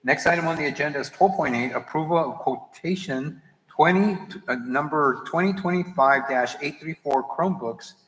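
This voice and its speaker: A man chairing a board meeting, running formal procedure in a brisk, businesslike manner. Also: a little high, fairly bright tone. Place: large echoey meeting room. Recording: echoey hall, clear background noise.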